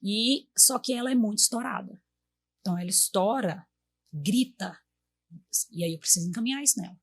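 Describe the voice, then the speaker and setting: Husky-voiced Brazilian woman chatting. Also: medium pitch, fairly quick. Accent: Brazilian Portuguese. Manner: warm storytelling, acts out quotes to her kids. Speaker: guest. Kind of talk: casual chat.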